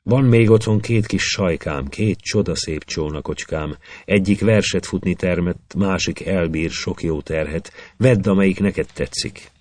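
A man's voice: low-pitched, a little mellow, dry recording, close to an everyday voice. A man voicing a trapped young man who pleads and bargains in rhythmic verse. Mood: bargaining.

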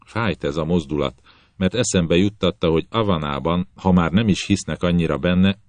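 A man narrating an audiobook in the first person with a calm, deliberate delivery. His voice is very deep and sounds close and dry, with no room echo. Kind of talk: first-person novel reading.

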